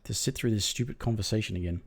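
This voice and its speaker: Gravelly man ranting at a game. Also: on the low side, fast, a little hiss or hum. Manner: frustrated, swearing, ranting at the game. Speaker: streamer. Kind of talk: casual gameplay commentary.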